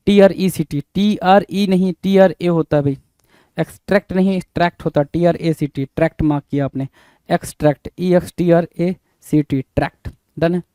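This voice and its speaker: A fairly high-voiced male teacher walks through a spelling lesson, sounding out every word one letter at a time. His tone is mellow, and he keeps addressing his students casually as he marks the answers. The recording is dry and close. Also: smooth, no room sound. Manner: brisk, addresses students as "bhai". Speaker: English teacher.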